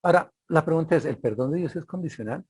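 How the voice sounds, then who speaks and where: A man's voice: on the high side, lively intonation, fast talker, a little mellow, breathy edge, no echo. A man from Colombia preaching a sermon, asking rhetorical questions and often checking in with his listeners. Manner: rhetorical questions, frequent "¿verdad?".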